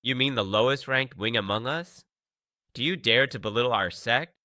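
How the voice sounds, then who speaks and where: A man voicing an arrogant, quick-tempered master swordsman in a story recap, speaking in a haughty, threatening way. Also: mid-range voice, sharp tone, no echo, clean studio sound, close to an everyday voice.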